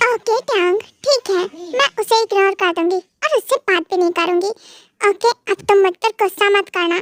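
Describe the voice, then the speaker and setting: A woman's voice: very high-pitched, moderate pace, dry recording, clean studio sound. A young woman voicing a naughty, sulky young wife in a Hindi fan dub, whiny and pouting. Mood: pouty.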